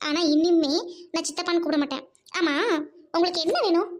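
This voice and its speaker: Brief: woman voicing defiant young wife, high-pitched, scolding and fearless, amateur skit. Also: fairly even intonation, a little fast. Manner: fierce, accusing, scolding. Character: defiant young married woman confronting her scheming uncle.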